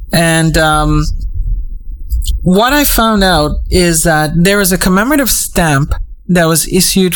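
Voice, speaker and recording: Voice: mid-range voice, a bit bright, low-quality recording. Meandering host from Trinidad and Tobago. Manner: meandering, digressive, thinking aloud. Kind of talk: casual explainer monologue.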